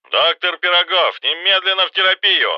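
A man voicing a panicked announcer paging a doctor over a hospital loudspeaker in an audiobook. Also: sits high, moderate pace, clean tone, no echo, lo-fi sound, voice pushed up. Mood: urgent. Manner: urgent, near panic, repeating the call. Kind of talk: audiobook narration.

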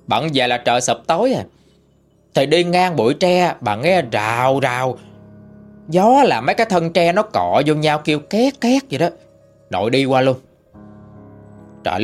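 A man narrates a ghost story in a chatty, dramatic way with a Southern Vietnamese accent. His fairly high voice swings up and down expressively. Faint music plays underneath.

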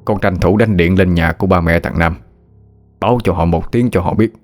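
A man voicing a middle-aged village father who speaks calmly and deliberately. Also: low-pitched, soft background music, close to an everyday voice. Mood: solemn.

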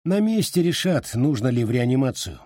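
A man voicing a tired ambulance doctor giving brisk, businesslike instructions. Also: mid-range voice, very animated, darkish tone, no room sound, studio quality. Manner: brisk commands.

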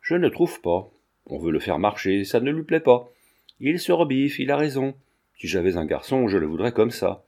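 A man reading a storybook, voicing an amused, jovial young gentleman. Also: medium pitch, very animated, normal speed.

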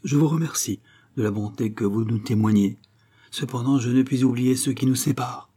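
A man voicing a dignified, resigned widowed mother, aged before her time, who speaks in a measured way. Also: mid-range voice, fairly even intonation, mellow, breathy edge, natural voice.

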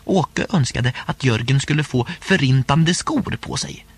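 A man narrating a humorous first-person diary story aloud in a playful, expressive way. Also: medium pitch, creaky, husky. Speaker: audiobook narrator.

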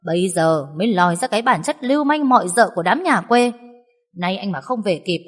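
A woman's voice: animated, fairly quick, close to an everyday voice. A woman voicing a bossy, scolding older mother-in-law in a reverberant recording. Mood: scornful. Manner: shrill scolding. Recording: long reverb.

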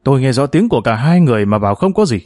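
Guy playing cranky old grandpa scolding, audio story, dark voice. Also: mid-range voice, sing-song, very fast, no room sound, clean studio sound, close to an everyday voice. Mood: stern. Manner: stern and scolding. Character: stern elderly widowed grandfather.

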